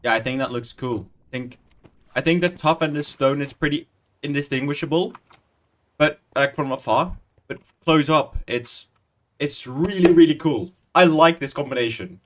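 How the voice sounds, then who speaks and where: Slight background noise accompanies a man in his 20s whose voice sits on the high side, fairly bright, at a moderate pace. While playing Minecraft on stream he chats and rambles, making fun of himself and muttering under his breath as he types commands.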